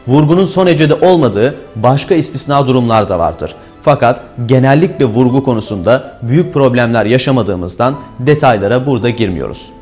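A man giving a diction lesson, explaining word stress slowly and deliberately and stressing each example word. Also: medium pitch. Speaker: diction instructor. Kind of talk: instructional lecture. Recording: dull lo-fi with faint music.

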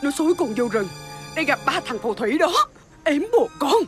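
A middle-aged stepmother with a Southern Vietnamese accent in a TV fairy-tale drama, cruel to her stepdaughter and fiercely doting on her own child. Her high voice leaps wildly as she scolds and wails. Faint music plays under the scene. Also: expressive, normal speed. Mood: lamenting. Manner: shrill scolding, wailing over her daughter.

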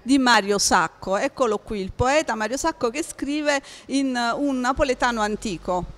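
A woman's voice: fairly high pitch, moderate pace, fairly bright tone. A middle-aged woman presenting a local television interview into a handheld microphone. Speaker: TV reporter, interviewer. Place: indoor exhibition hall of a seminary.

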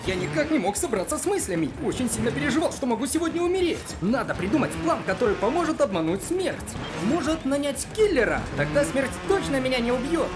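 A woman's voice: sits high, very animated, quick pace, hardly any pauses. A woman voicing an anxious, dramatic schoolboy who narrates a comic story in a fretful, exaggerated way. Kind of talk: comic scripted first-person story narration. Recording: echoey voice over loud music.

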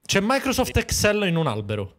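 Lively Italian-speaking male streamer joking deadpan. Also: high voice, normal speed. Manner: deadpan absurd jokes that break into loud excited yelling. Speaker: streamer hosting a live gaming stream. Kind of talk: casual gaming chat on a livestream.

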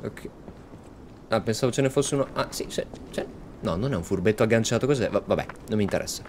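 Excitable man narrating his gameplay. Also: lowish voice, fast, a little hiss or hum. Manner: excitable, exclaims often, talks to viewers. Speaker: gaming channel host. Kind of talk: let's-play commentary.

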